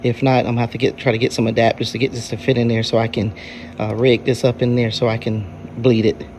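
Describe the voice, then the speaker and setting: A man with a mid-pitched voice narrates a do-it-yourself car repair. He is casual and plain-spoken, going through the work step by step, and there is clear workshop noise behind him. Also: flat delivery, fast, darkish tone. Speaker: DIY car repair vlogger. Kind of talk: casual hands-on narration to camera. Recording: noisy workshop with vehicle-like background noise.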